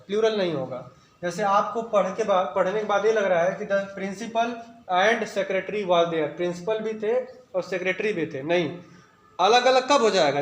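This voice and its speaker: A male grammar teacher with an Indian English accent, dictating slowly and repeating words for students in a video lesson. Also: high-pitched. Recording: echoey room with faint ambient noise.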